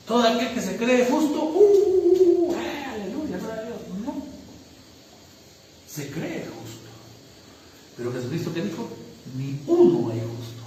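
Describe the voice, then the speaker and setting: A man's voice: a little high, slight background noise. A man preaching a sermon, emphatic, often checking whether listeners follow. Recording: echoey room, distant mic.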